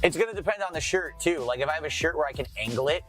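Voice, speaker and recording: A man's voice: on the high side, animated, racing, over music. A man streaming a gear test, explaining step by step and checking in with "okay?", his voice muffled and distant as if heard through a wall. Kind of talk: casual live-stream demo.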